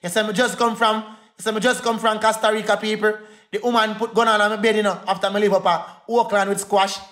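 A man with a Jamaican Patois accent speaks in a high-pitched, flat, slightly bright voice during an angry phone livestream. He insults repeatedly in a fast, heated rant.

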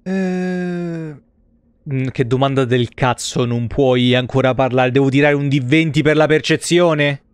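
With a smooth, mid-range voice and a slightly slow pace, a roughly thirty-year-old game streamer riffs and jokes through live commentary, swearing freely. He's at his indoor home streaming setup, and there's no room sound in the recording.

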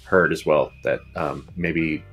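This Uruguayan man in his fifties, a guest futurist, has a very deep, steady, slow voice with a breathy edge. He gives long casual interview answers, rambling with plenty of ums, fillers and restarts. The sound is lo-fi from his earbuds on a home-office video call, with faint background music.

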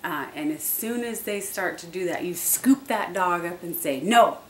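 A woman's voice: on the low side, expressive, normal speed. A woman vlogger talking casually about training her dogs, chatty and repetitive with lots of fillers. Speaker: dog owner vlogger. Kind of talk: casual how-to talk. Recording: echoey, distant from the mic, faint hiss.

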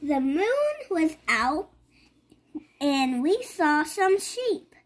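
The speaker is a child reading a picture book aloud; the voice is high, the pace extremely slow, and the intonation lively, moving up and down.

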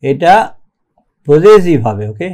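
A man teaching English grammar in a recorded lecture, reading rules aloud slowly and keeping checking that the class follows. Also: a little high, big pitch swings, mellow. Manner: slow and deliberate, reads English rules aloud, keeps checking "ঠিক আছে?".

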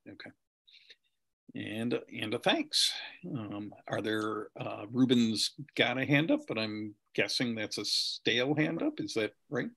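A man's voice: mid-range voice, lively intonation, measured pace, gravelly, fairly bright tone, breathy edge. A middle-aged man hosting a video Q&A, reading out audience questions with many hesitant ums. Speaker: host. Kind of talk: moderating a video Q&A.

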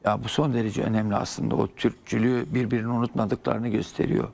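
An older man speaks as a historian guest on a television talk set, his voice carrying a gravelly, creaky texture. He explains at length, filling gaps with hesitant sounds as he searches for words, in a professorial, patient manner. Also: mid-range voice, flat delivery, quick pace, darkish tone. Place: TV studio.

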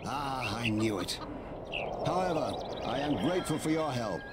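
An actor playing an earnest veteran army captain in a fantasy game, speaking in mock-archaic, biblical-sounding formal phrases. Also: male voice, mid-range voice, lively intonation, normal speed, very noisy, natural voice. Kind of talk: scripted fantasy game dialogue.

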